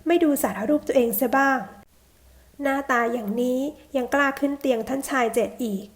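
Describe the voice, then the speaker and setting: A jealous, sharp-tongued young lady of the house trading barbs in a storybook court drama, voiced by a woman narrator. Her voice is high and cutting. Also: fairly quick. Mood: spiteful. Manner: cutting and spiteful.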